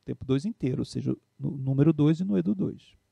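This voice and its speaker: A man's voice: a little high, brisk, creaky, muffled recording. A man with a Brazilian Portuguese accent teaching a piano and music theory lesson, patiently explaining step by step and checking in with "né?" and "tá?".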